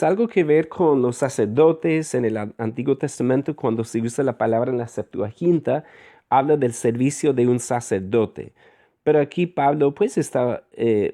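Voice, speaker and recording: Male teacher, slow and deliberate, dark mellow tone, stops to parse and correct himself. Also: mid-range voice. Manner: frequent fillers and self-corrections. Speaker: Koine Greek teacher. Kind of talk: guided reading lesson.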